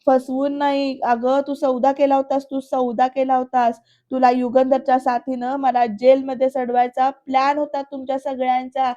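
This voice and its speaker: A woman voicing a defiant middle-aged man from a serial, speaking with slow, rustic emphasis. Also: sits high, flat delivery, warm tone, highs cut off, natural voice. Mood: pleading.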